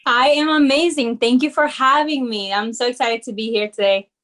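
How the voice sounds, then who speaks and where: Energetic young woman from Peru. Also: on the high side, normal speed. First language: Spanish. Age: young adult. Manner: energetic, determined, with frequent fillers and restarts. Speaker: interview guest. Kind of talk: casual interview talk.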